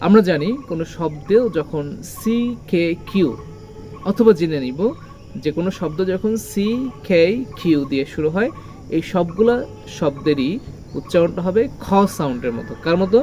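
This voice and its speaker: With a dark, mid-range voice and an animated delivery at a moderate pace, this English teacher gives children a lesson over a little hiss or hum. Questions come and are answered by the teacher, with key words repeated and heavily stressed.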